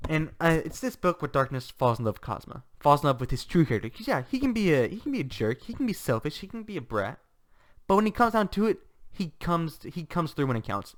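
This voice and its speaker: A young man giving an enthusiastic, animated casual book review, gushing as he talks. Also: fairly high pitch.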